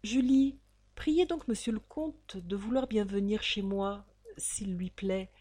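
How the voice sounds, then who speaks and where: A woman voicing a gentle young countess who speaks softly with pity and indulgence. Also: mid-range voice, takes it slowly. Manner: soft, pitying.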